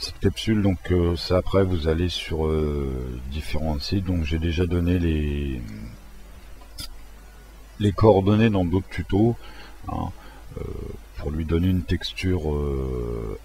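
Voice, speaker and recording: A man walking through a software tutorial in a casual, hesitant way, with many fillers and restarts. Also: very deep voice, creaky. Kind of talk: casual screen-recorded tutorial.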